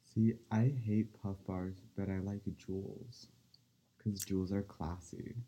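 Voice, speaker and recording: A young man talks casually on a podcast in a laid-back way. His voice is very deep and very dark, with a gravelly fry and a husky edge. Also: flat delivery, slow pace, muffled recording. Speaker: podcast co-host. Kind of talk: casual chat.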